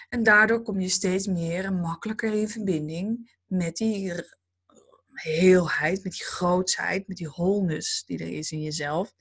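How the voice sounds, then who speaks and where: A woman giving a spiritual talk to a group, speaking slowly and calmly in a dreamy, reflective way. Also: lowish voice, breathy edge. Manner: slow, calm, dreamy and reflective.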